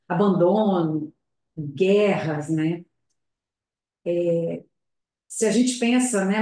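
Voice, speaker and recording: Woman, lowish voice, spiritist lecture over a video call, slow and hesitant, heavy room echo. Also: darkish tone. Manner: slow, reflective, hesitant, with frequent tag questions. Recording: very echoey room.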